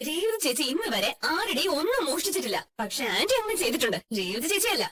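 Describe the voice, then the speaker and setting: A woman voicing a young sister-in-law in a fan dub of a TV serial, sharp, sarcastic and challenging. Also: very high voice, very animated, quick pace, exaggerated voice.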